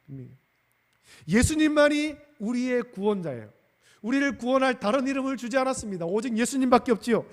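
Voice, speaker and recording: A man's voice: extremely high pitch, lively intonation, a little fast. A male pastor preaching a sermon emphatically, repeating key phrases and calling out hallelujah. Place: church sanctuary. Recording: long church-hall reverb.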